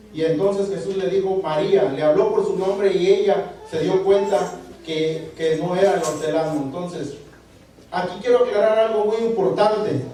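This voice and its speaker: A man preaching a sermon, halting and repeating words as he asks the congregation for agreement. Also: high-pitched, warm tone. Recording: echoey room, voice from far off the mic.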